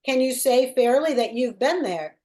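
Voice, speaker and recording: A woman's voice: high-pitched, animated, moderate pace, dark tone. A woman leading a casual group chat, playful and teasing, who laughs a lot. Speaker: discussion leader.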